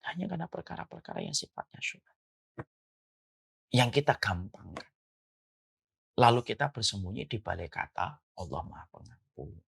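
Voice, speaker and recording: A man's voice: medium pitch, normal speed, gravelly, long pauses, slightly rough. A man giving a religious lecture as a preacher, asking rhetorical questions as he goes. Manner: animated, rising and falling delivery with rhetorical questions.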